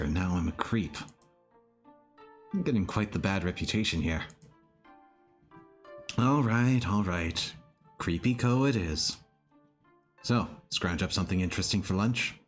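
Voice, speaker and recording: A man voicing a raspy, teasing young village leader and father figure in a visual novel, with a dry manner. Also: low-pitched, unhurried, pauses often, soft background music. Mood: playful. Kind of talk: visual novel character acting.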